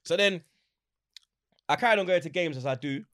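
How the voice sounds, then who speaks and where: A man's voice: on the high side, a little fast, no room sound. London roadman man, dry close sound. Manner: London roadman street slang; animated storytelling, acts out quoted exchanges. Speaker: interview guest, football fan. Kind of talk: casual anecdotal chat.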